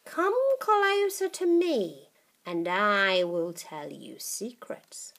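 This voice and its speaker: Creepy old witchy granny done by a woman, slow and gloating, voice swooping all over. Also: medium pitch, very animated, fairly bright tone, full character voice. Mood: sly, menacing. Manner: relishing, slow and menacing, drawn-out words. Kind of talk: storybook reading.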